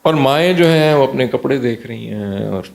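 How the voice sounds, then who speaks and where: Doctor guy, gravelly voice, animated, throws in english bits. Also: mid-range voice. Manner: animated, slips into Punjabi and English phrases. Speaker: pediatrician guest. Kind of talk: conversational explanation.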